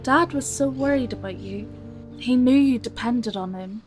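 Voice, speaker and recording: In an intimate audio drama, a British-accented actress plays a middle-aged single daughter who is caring and frank. Her voice is a little high and her pace normal, with gentle, practical delivery, light acting, and music underneath.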